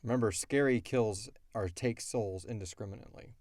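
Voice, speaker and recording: A man hosts a casual podcast chat, answering listener questions at length and dropping opinionated, slangy asides. His lowish voice moves at normal speed and is a little mellow, recorded at studio quality with no room sound.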